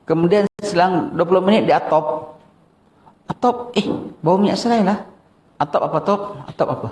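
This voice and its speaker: An older man with a Malaysian Malay accent giving a lively religious lecture, questioning his listeners. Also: high voice, moderate pace. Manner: animated, questions the audience, acts out askers. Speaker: religious teacher. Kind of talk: mosque lecture on fasting rules. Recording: echoey room.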